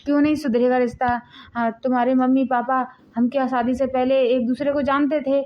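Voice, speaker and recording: A woman's voice: sits high, little pitch movement, a little fast, lo-fi sound, natural voice. A woman plays a mother patiently explaining herself to her grown son in a family drama. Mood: pleading. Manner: pleading, explaining. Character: patient middle-aged mother, gently lecturing.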